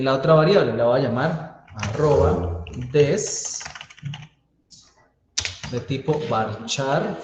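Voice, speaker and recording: A man's voice: mid-range voice, muffled recording, noisy background. A man teaching a university database class, walking students through code step by step and checking in with them often. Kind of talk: live coding class lecture. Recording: echoey room, faint keyboard typing.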